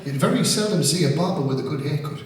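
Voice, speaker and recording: A man's voice: fairly high pitch, expressive, fast talker, crowd noise. A man with a Geordie accent telling rambling, sweary anecdotes between songs on stage at a live music venue. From North East England. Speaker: singer-songwriter. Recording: echoey live hall, distant mic.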